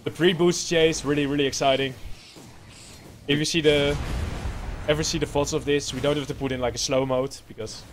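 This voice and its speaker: A man with a Dutch accent giving excitable play-by-play commentary on an esports match. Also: fairly high pitch, brisk, a little hiss or hum. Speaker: esports caster.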